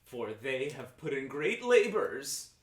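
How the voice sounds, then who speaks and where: A man voicing a pushy, mystical fortune teller woman in a tabletop role-play, beckoning and delivering drawn-out, ominous prophecies. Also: medium pitch, big pitch swings, echoey room, far from the mic. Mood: ominous, trance-like.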